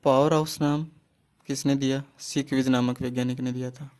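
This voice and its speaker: This exam-prep biology lecture comes from a man with a medium-pitched, slightly mellow voice, a level tone and normal speed. Repeating key terms throughout, he asks questions and then answers them.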